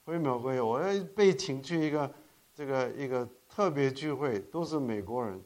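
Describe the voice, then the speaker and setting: An older man, raised in Korea, preaching an animated sermon full of stories, often correcting himself and dropping English words. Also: mid-range voice, normal speed. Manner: animated storytelling with frequent self-corrections and code-switching to English. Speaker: pastor.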